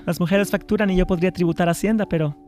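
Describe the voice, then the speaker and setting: A man's voice: sits high, steady tone, fast, voice pushed up, lightly acted. A man putting on the voice of a flippant, showy male pop star who talks in a sing-song way.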